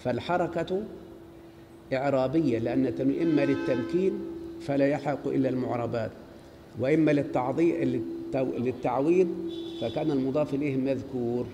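A man speaking fairly quickly in a mid-range voice, with an Egyptian accent, lectures on Arabic grammar and draws call-and-response answers from his students. The setting is a large mosque, heard through long hall reverb and faint noise.

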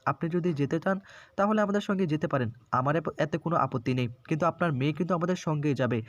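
A man's voice: on the high side, fast, dry recording, close to an everyday voice. A man voicing an angry young wife who is done with her mother-in-law, speaking firmly and scolding. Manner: firm, scolding.

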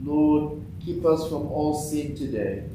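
Slow man reading prayers in an echoey church. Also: a little high, animated. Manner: slow, measured recitation of set prayers. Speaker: lay reader leading morning prayer. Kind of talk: liturgical reading. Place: small church sanctuary, at a lectern. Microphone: far fixed camera. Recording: echoey church from far off with background noise.

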